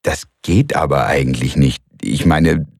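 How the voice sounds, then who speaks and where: A man's voice: very deep voice, measured pace, darkish tone, no room sound, clean studio sound, full character voice. A man playing a timid, hesitant office worker who stammers nervously. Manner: stammering, anxious.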